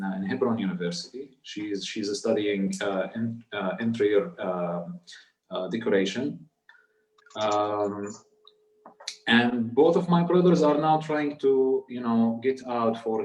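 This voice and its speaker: A man in his late twenties with a Palestinian Arabic accent, a tour guide telling his personal story on a video call, halting, with many fillers and restarts. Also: on the low side, darkish tone, recorded from a distance. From Jordan, Palestinian family. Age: 20s. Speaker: tour guide and guest speaker. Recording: echoey room, off the mic.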